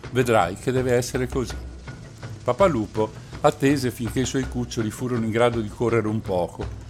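A man narrating a novel aloud in a steady, measured storytelling voice, with faint music behind. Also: mid-range voice.

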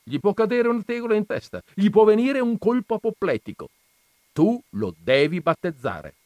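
A man's voice: medium pitch, lively intonation, normal speed, no echo, voice pushed up, natural voice. Christ scolding from the crucifix, read by a man. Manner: admonishing, raised and emphatic. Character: Christ on the crucifix, stern yet patient, scolding. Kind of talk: dramatized audiobook reading.

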